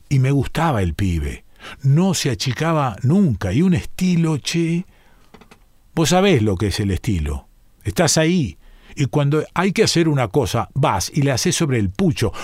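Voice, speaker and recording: A man with a Rioplatense Argentine Spanish accent reads a short story aloud in a medium-pitched, slightly mellow voice, recorded cleanly in a studio with no echo. He voices an ailing, bedridden former boxer, rambling and confiding in a colloquial way.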